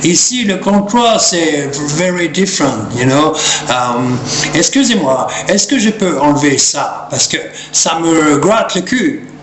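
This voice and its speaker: Male comic monologuist, American accent in French, slightly high voice, halting and mixing in English, roomy sound. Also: expressive, a crowd in the background. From United States. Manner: hesitant French mixed with English, refers to himself in third person. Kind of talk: humorous rambling monologue to camera. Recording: roomy echo, clear background noise.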